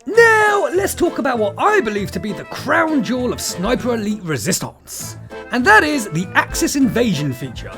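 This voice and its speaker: A man's voice: very high voice, very animated, moderate pace, music in the background. Sarcastic man reviewing a video game. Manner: sarcastic, punchy, jokey delivery. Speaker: game reviewer, channel host. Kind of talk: scripted comedic review narration.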